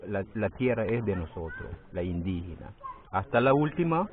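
A man in his forties, a community judge, interviewed outdoors by a forest clearing, talking haltingly and repeating words, growing forceful as he protests. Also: fairly low pitch, very animated, a little hiss or hum. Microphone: phone held near the face. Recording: tinny phone-like sound.

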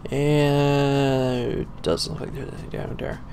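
A man's voice: mid-range voice, little pitch movement, unhurried, creaky, darkish tone, a little hiss or hum. A young man giving casual gameplay commentary in a sarcastic, profane, muttering way, close to a desk mic. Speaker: let's play gamer. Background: faint game music.

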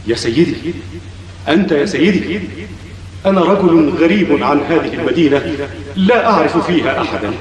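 An actor playing a frightened young stranger lost in a city turned to stone, in a vintage Arabic radio drama, crying out and pleading in a breathless monologue. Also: male voice, sits high. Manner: fearful, breathless monologue, cries out and calls aloud. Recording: roomy echo, distant mic, crowd noise behind.

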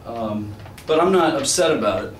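A man performing at an apartment experimental music show, telling a meandering story in a deadpan, wry way between improvised pieces. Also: medium pitch, normal speed. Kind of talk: rambling spoken monologue between improvised music. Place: small apartment used as a live music venue. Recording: roomy, distant live room recording with faint noise.

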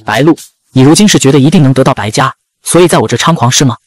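A male narrator voicing a ruthless middle-aged empress, cold and imperious, speaking fast. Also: rumbling low, animated, no echo.

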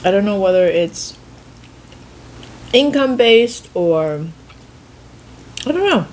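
A woman's voice: medium pitch, lively intonation, takes it slowly, a little hiss or hum. An American woman hosting a casual chat over a meal, rambling and correcting herself as she explains. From United States. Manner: rambling, self-correcting, hedges often. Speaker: host.

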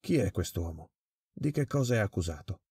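A man voicing a stern male prison warden who asks gruff, commanding questions. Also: deep voice, animated, moderate pace, warm tone, no room sound, clean studio sound, full character voice.

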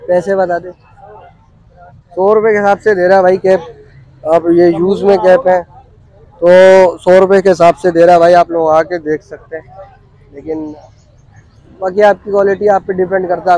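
A man's voice: high-pitched, warm tone, no echo, low-quality recording. A man in his thirties vlogging through a busy outdoor street market, chatting casually, repeating prices and talking to viewers. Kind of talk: casual walkthrough vlog, asking prices.

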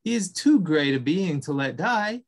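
A man's voice: animated, measured pace. Man doing a small, shaky-voiced brave mouse. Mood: earnest. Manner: higher, shaky voice. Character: small brave male mouse, timid and earnest.

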